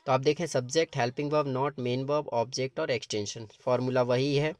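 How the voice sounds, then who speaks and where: A man's voice: medium pitch, fairly even intonation, a little fast, dry recording. Guy patiently walking through grammar rules, plain mid voice, dry close mic. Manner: patient, step-by-step explaining in Hindi. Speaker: English teacher. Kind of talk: explaining grammar at a board.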